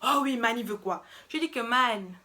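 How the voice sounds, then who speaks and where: A young woman telling a story in a casual, animated, slangy way. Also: on the high side, normal speed. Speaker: vlogger.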